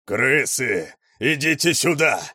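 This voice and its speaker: A man's voice: mid-range voice, animated, takes it slowly, bright, forceful tone, slightly rough, no echo, clean studio sound, pitched above the performer's own voice, full character voice. A man voicing a huge, furious fat cook in a storybook who roars. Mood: enraged. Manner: roaring, furious.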